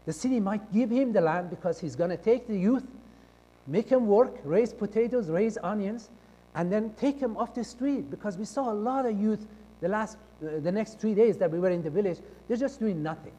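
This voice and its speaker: Casting: man from Iran, high voice, telling his testimony, acting out the dialogue, loud one moment and hushed the next. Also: animated, normal speed. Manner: acts out quoted dialogue, shifting between loud and hushed. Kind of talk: personal testimony storytelling. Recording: long reverb of a large hall.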